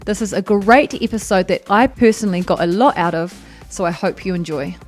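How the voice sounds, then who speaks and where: A woman's voice: medium pitch, a little fast, soft background music. Chatty woman podcast host. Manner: chatty, laughs often. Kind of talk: casual interview chat.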